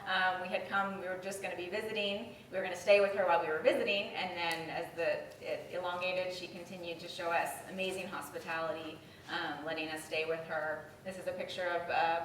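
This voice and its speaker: A woman presenting photos to a church group, talking in a relaxed, conversational way with frequent ums. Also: lowish voice, a little fast, hardly any pauses, a little hiss or hum. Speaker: retreat facilitator presenting slides. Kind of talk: informal slideshow talk. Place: church meeting room. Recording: echoey room audio from a distant mic.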